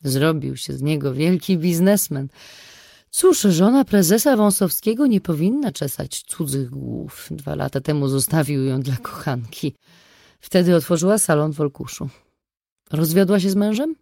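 A frank middle-aged woman in an audiobook, confiding family news to a friend, as a reader voices her. Her warm, gravelly voice moves in a quick, chatty way. The recording is dry and close. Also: low-pitched, animated, dry recording, exaggerated voice. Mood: sceptical. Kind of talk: audiobook reading.

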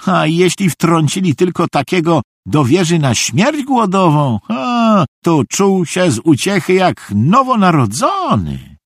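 A man's voice: high voice, sing-song, measured pace, few pauses, slightly rough, no echo, studio quality, pitched above the performer's own voice, heavily acted. A man voicing a cheerful, simple-minded middle-aged soldier who talks naively and earnestly. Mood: chatty. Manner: naive, earnestly obliging, rambling.

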